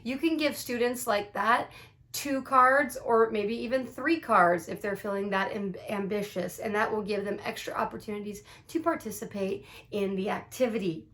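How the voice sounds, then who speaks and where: A woman's voice: mid-range voice, normal speed, a bit bright. A woman teacher explaining how a classroom icebreaker works, upbeat, walking through examples and acting out steps. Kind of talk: instructional explainer video.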